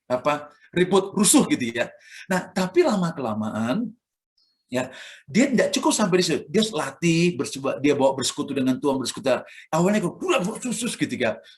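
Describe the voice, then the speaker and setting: Lively man preaching a sermon. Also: a little high, brisk. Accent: Indonesian. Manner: lively, acts out sounds and examples. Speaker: church elder preaching.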